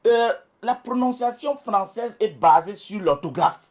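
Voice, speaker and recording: A man's voice: high-pitched, animated, measured pace, darkish tone. A man hosting a radio talk show, speaking directly to listeners in an instructive way.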